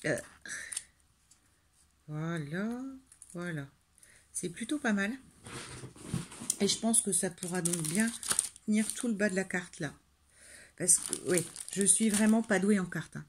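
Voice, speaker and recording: A woman's voice: fairly low pitch, unhurried, pauses often, a little hiss or hum. Chatty rambling woman crafting at home. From France. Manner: chatty, rambling, self-deprecating, many fillers. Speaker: crafting tutorial host. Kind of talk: casual talk-through while making a card.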